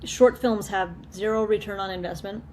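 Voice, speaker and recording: A woman's voice: medium pitch, fairly even intonation, moderate pace, a little hiss or hum. A woman filmmaker chatting as a guest in a casual video call interview, repeating words and laughing often.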